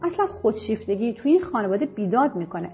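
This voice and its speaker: A woman narrating an audiobook story in the first person, lively and conversational. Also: on the high side. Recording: muffled lo-fi recording with faint music. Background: faint music.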